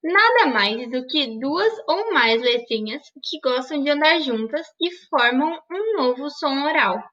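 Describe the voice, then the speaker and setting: A woman teaching a grammar lesson in a high, bright voice. She asks questions and answers them herself. The recording sounds distant and slightly muffled. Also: animated, unhurried. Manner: didactic, asks and answers her own questions.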